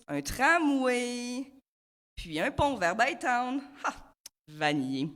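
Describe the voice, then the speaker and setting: Lively young Franco-Ontarian woman joking. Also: mid-range voice. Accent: Franco-Ontarian French. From Ontario, Canada. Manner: playful, wordplay-heavy, theatrical delivery. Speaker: comic columnist. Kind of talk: humorous rhyming spoken chronicle.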